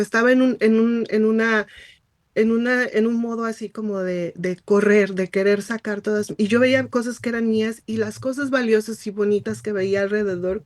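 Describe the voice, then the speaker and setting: A middle-aged woman teaching Bible study, telling her story haltingly and often starting a sentence over. Her voice sits at an ordinary pitch and is recorded dry, with no room echo. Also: a little mellow. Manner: personal, searching storytelling with many restarts.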